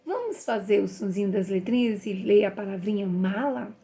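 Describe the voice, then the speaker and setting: A woman giving a children's reading lesson, sounding out letters slowly and praising the listener. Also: medium pitch, warm tone. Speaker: literacy teacher. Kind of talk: slow phonics lesson for children.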